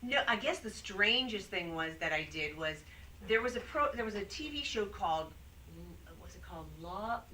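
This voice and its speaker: A woman voice-over artist chats as a guest, telling stories with animation and acting out each quote. Her tone is bright and forward. She sits a little away from the mic, with a faint hiss under the live stream. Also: medium pitch, moderate pace, distant mic, rough recording. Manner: animated storyteller, acts out quotes. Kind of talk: casual interview chat.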